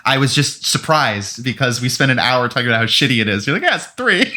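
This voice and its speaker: A man co-hosting a casual movie review podcast, blunt and joking, laughing often and quickly apologizing. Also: mid-range voice, sharp tone. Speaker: podcast co-host.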